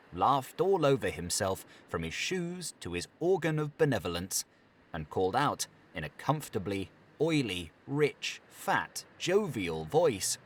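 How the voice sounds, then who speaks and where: A man reading an audiobook with expressive, theatrical narration. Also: fairly low pitch, husky. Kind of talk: scripted narration.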